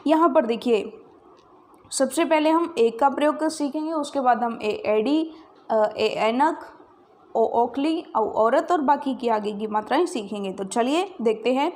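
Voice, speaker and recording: A woman's voice: high-pitched, a little slow, a little mellow. A young woman teaching a recorded lesson to small children, kindly talking to them directly and spelling out each word syllable by syllable.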